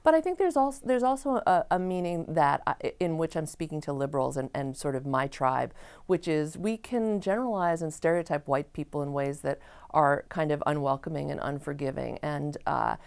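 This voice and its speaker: A woman's voice: sits low, lively intonation, moderate pace, gravelly, a little mellow, smooth. A woman author answering interview questions in a thoughtful way, often restarting her sentences.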